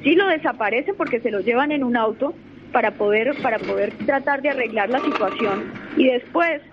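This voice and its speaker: A young Colombian woman, a lawyer, speaks a little fast in a higher-leaning voice, confident and assertive as a guest on radio. She repeats words at times while sorting out what to say, and the recording is muffled radio audio with faint noise.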